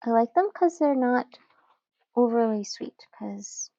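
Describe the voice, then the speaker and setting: Young woman, slightly high voice, slow and chatty, dry close mic, casual journaling chat. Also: no echo, lo-fi sound. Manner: relaxed, chatty, giggly, many fillers. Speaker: journaling channel host.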